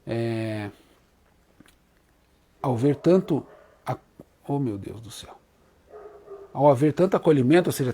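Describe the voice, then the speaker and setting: A man with a Brazilian Portuguese accent teaching about Umbanda deities on a live stream, devotional and tender, addressing viewers warmly as his children. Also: medium pitch, slightly rough. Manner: devotional, sings chant verses in a rising voice; speaks softly and tenderly to viewers, calling them daughter. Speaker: Umbanda spiritual leader hosting a live stream. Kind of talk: religious teaching with sung chants.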